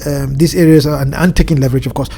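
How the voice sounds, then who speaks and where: A Southern Hemisphere crypto analyst, congested from a cold, gives an evening screen-share chart walkthrough from home. His dark, gravelly, slightly nasal voice is medium-pitched and steady, measured and explanatory but full of ums and restarts, with a little hiss or hum.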